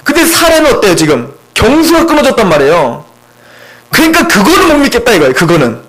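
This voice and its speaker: Man, pastor, preaching conversationally with a high, very animated voice. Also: fast talker, rough recording. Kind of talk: expository sermon. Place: church sanctuary.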